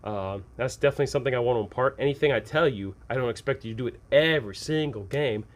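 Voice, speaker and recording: This American man, host of a game master show, speaks fast at a medium pitch, giving unscripted advice in a loose, rambling, conversational manner. Background noise is clearly present.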